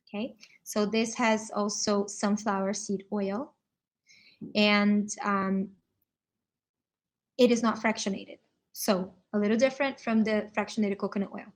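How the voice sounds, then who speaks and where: A woman from Brazil, explaining skin oils in a casual livestream chat, full of fillers and restarts. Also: medium pitch. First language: Portuguese.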